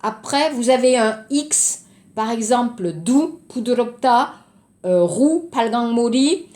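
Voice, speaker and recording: A woman teaching French in a recorded lesson, going slowly and explaining word by word. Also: fairly high pitch, expressive, darkish tone, echoey room.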